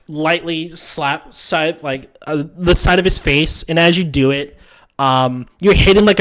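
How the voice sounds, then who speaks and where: A man narrating as game master, describing scenes in a loose, meandering way. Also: a little high.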